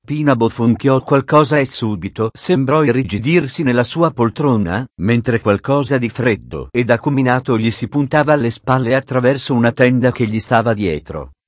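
A man's voice: medium pitch, normal speed, few pauses, no room sound. Man reading a story in a dry voice. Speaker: narrator.

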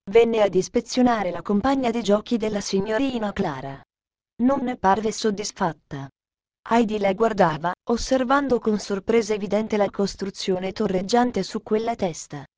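A woman reading a children's story aloud as narrator, in a measured, calm way. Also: medium pitch. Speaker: audiobook reader.

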